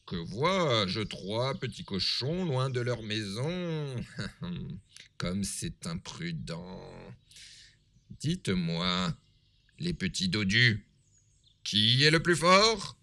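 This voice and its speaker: A man voicing a boastful big bad wolf in a storybook reading, loud and swaggering. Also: fairly low pitch, big pitch swings, very slow, heavily acted. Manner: loud, swaggering, self-satisfied.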